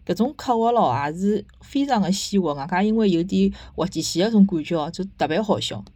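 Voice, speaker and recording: A woman's voice: medium pitch, animated, a little fast, dark tone, dry recording. A woman with a Shanghainese accent chatting casually as a host giving a review, opinionated and conversational. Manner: conversational, opinionated, with rhetorical tag questions. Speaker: host of a book and theatre review podcast. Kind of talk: casual chat, reviewing and retelling.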